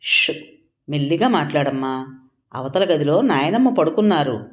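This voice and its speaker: A woman doing a worried, gentle young wife. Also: deep voice, animated, moderate pace. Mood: hushing. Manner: soft, pleading.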